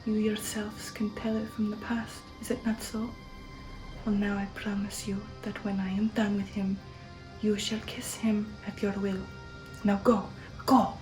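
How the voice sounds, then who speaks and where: Woman reading as commanding, breathy Count Dracula over music. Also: mid-range voice, flat delivery, unhurried, natural voice, poor audio. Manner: commanding, menacing, hissed. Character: imperious, furious male vampire count. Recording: music under the voice.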